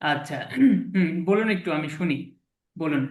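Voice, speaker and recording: A man's voice: fairly high pitch, normal speed, reverberant. A man teaching English letter sounds in an online lesson, patiently repeating each sound for his student. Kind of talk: online alphabet pronunciation lesson.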